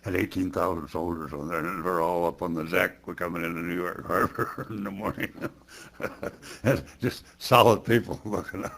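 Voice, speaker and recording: A man's voice: low voice, steady tone, moderate pace, vocal fry, fairly bright tone. An elderly American man, a war veteran, telling his memories in an interview. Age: older, 80s. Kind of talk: interview storytelling.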